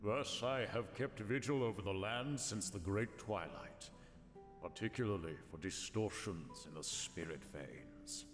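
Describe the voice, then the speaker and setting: An actor playing an ancient divine wolf, a regal, solemn guardian with formal, stately speech in a video game. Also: male voice, on the low side, unhurried, close to an everyday voice. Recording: long reverb, music underneath. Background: game music.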